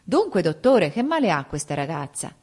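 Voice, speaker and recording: A woman's voice: on the low side, very animated, moderate pace, darkish tone, slightly rough. A woman reading the part of a jealous king, raising her voice in accusing outbursts. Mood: questioning. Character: angry jealous king, man.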